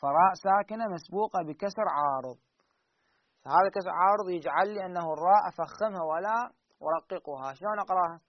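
A man teaching Quran recitation rules, asking his students questions and answering them himself, drawing out the example words slowly. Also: high-pitched, slight background noise. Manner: drawn-out slow recited examples. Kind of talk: teaching lesson. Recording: dull lo-fi recording.

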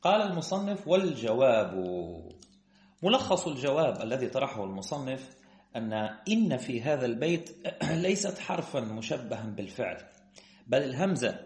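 A man's voice: medium pitch, lively intonation, moderate pace, darkish tone. Man lecturing, grammar teacher, reads text quotes, asks himself questions, roomy echo. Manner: explains step by step, rhetorical questions, reads quotes aloud.

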